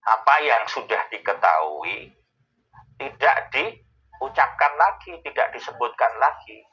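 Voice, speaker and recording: A man, explaining answers to a host's questions in a thoughtful way, pausing often to find his words. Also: medium pitch, very animated, bright, forceful tone, lo-fi sound. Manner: thoughtful, with many pauses and fillers. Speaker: Islamic scholar answering questions. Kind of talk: explanatory Q&A talk.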